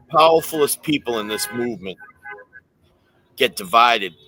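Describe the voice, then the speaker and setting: A man guesting on a livestream, calmly explaining the background in a measured way. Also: medium pitch. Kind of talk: casual livestream commentary.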